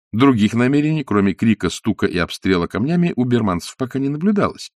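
A man narrating a novel as an audiobook in a measured reading. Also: lowish voice, dry recording, studio quality. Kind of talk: scripted narration.

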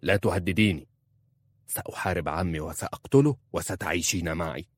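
Man as a stern desert chieftain, commanding, forceful, deep low voice, storybook, dry. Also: a little fast, dry recording.

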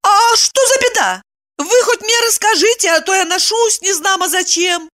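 A woman narrator voicing a shrill, hot-tempered married woman in dramatic, shrieking outbursts. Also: normal speed, pushed and bright. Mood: hysterical.

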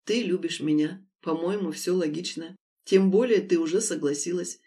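A woman doing gentle young man Denis. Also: normal speed, recorded from a distance, close to an everyday voice. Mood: playful. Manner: lowered, soft, gentle.

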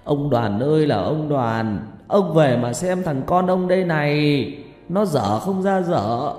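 A man voicing an elderly grieving mother who wails in a drawn-out lament, recorded in an echoey room. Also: on the high side, expressive, a little mellow, soft background music, voice pushed up. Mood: wailing. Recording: echoey room with long reverb.

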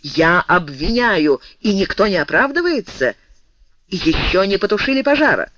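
Stern calm general, read by a man, measured and resonant, lively pitch, dull dry sound. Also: a little hiss or hum, heavily acted. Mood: commanding. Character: commanding calm male general, stern and ironic.

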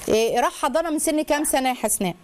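A woman with an Egyptian accent hosting a call-in advice show, talking briskly and expressively and checking in with her listeners. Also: sits high, a little hiss or hum. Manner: brisk, expressive, asks listeners questions and acts out quoted voices.

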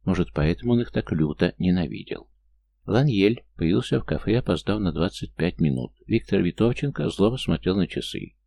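Deep, gravelly male audiobook narrator. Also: lively intonation, a little fast, dark tone, no echo. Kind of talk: scripted narration.

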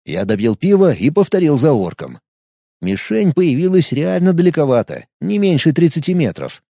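A man narrating an audiobook with animated, expressive storytelling. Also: fairly high pitch, normal speed, creaky, dry recording, clean studio sound.

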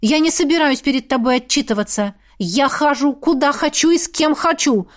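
A woman voicing a sharp-tongued young woman studying magic, exasperated and defiant, her voice pushed higher. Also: moderate pace, natural voice. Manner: exasperated, defiant, raised pitch. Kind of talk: audiobook character reading.

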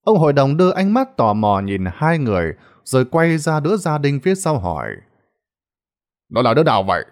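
A man narrating a ghost story in a dramatic, expressive scripted way. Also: fairly high pitch, a little fast, few pauses.

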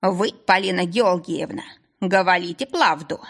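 A woman doing a slow, measured older Chinese restaurant owner. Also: lowish voice. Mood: earnest. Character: older Chinese restaurant owner, stern yet kindly man.

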